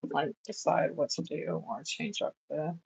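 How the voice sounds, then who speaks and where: A woman's voice: deep voice, animated, measured pace, creaky, a little mellow, slightly rough, rough recording. A woman livestreaming as she does nails, chatting casually in a rambling, easygoing way with lots of fillers. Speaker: nail art livestreamer. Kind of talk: casual livestream chat while working.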